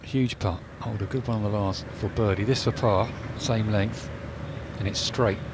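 A man's voice: lowish voice, moderate pace. A man working as a golf commentator, giving live television commentary in conversational, clipped asides to a colleague. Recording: noisy outdoor ambience behind the voice. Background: steady outdoor course noise.

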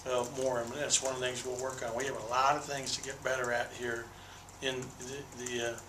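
Seated at a desk with a table microphone in a small press room, a man in his sixties who coaches basketball answers postgame questions candidly and in detail, repeating words as he restarts. He speaks at medium pitch with little pitch movement, a little fast, against a noisy background and roomy echo.

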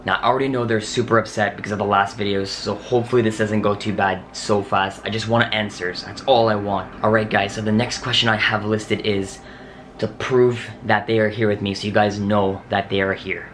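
A man's voice: fairly low pitch, flat delivery, fairly quick, fairly bright tone, slight background noise. A young adult man talking urgently and dramatically to camera as a vlogger in a small home office, with exclamations and sighs. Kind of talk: dramatic paranormal challenge vlog. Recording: home room with music behind.

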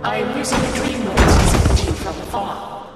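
An actor playing a man who speaks from afar through dreams, with a dreamy distant voice. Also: expressive. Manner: dreamy distant voice, slow and high. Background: loud music.

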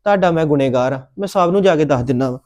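A man's voice: fairly high pitch, very fast, darkish tone. A young man with a Punjabi accent, acting an adopted son in a family drama, pleading and apologetic.

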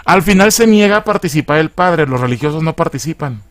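A Mexican man recaps a film in loose, profane chatter, mocking it as he goes. His voice sits a little high and swings widely in pitch. The sound is dry and close, with no room echo. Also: animated, fairly quick. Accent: Mexican Spanish. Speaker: film reviewer. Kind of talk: casual spoken film recap.

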